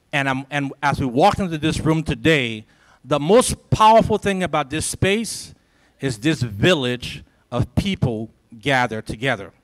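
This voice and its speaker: Addressing students in a large lecture hall, a Liberian symposium speaker in his forties gives a rousing motivational speech into a handheld microphone. His voice is on the high side, and his preacher-like rhythm hammers points home through emphatic repetition.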